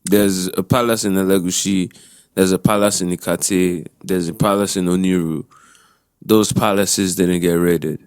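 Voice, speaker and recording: A man's voice: low voice, fairly even intonation, moderate pace, clean tone, no room sound, clean studio sound. A young man, a podcast guest talking in a laid-back, wry way. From Nigeria. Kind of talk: casual chat.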